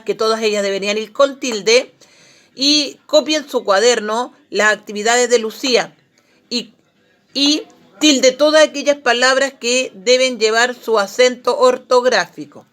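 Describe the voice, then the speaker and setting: A woman's voice: on the high side, unhurried. A Chilean woman who teaches primary school, giving a recorded grammar lesson. She explains step by step, often checks in with her pupils, and encourages them. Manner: warm and encouraging toward pupils.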